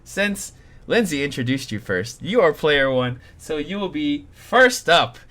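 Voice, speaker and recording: A man hosting a casual online video game quiz show, jokey and quick to laugh. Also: fairly high pitch. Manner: jokey, laughs often, lively.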